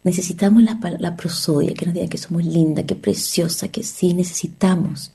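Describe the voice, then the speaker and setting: A woman's voice: lowish voice, steady tone, normal speed, gravelly, warm tone, slightly rough. A woman therapist giving an earnest motivational talk on relationships, asking her listeners rhetorical questions.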